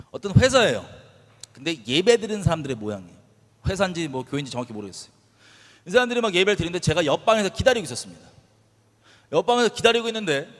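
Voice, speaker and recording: A man preaching a sermon in a high, very lively voice, swinging from quiet, low asides to loud, fiery bursts. His words ring with the long reverb of a church hall. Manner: impassioned, shifting between soft low asides and loud bursts. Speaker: pastor.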